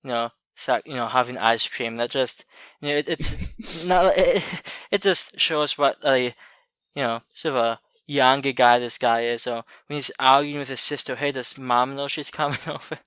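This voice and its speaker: A man in a relaxed podcast chat about films, weighing his views with frequent "um" pauses and soft laughs. His voice is smooth and clear at a middle pitch. The recording is dry and close. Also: no room sound. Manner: thoughtful, many "um" pauses, light laughter. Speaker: podcast co-host. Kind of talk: casual movie chat.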